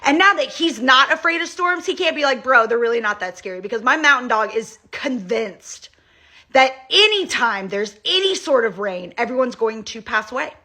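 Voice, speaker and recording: A woman's voice: sits high, lively intonation, normal speed, sharp tone. A young woman, venting casually to her phone camera from her bedroom in a rambling, profane way. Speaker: vlogger. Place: bedroom at home.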